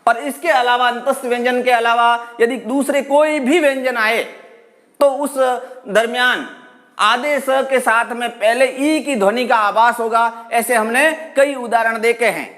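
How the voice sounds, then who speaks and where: A man's voice: extremely high pitch, fairly even intonation, a little slow, a bit bright. A man giving a patient spoken lesson on pronunciation, explaining rules and demonstrating sounds aloud. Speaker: Hindi pronunciation teacher.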